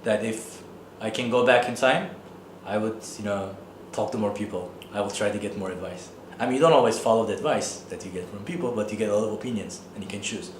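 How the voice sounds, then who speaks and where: A man's voice: fairly low pitch, fast, hardly any pauses, roomy sound, a little hiss or hum. A man in his thirties from Turkey with a Turkish accent, an economics professor answering interview questions thoughtfully, with many fillers.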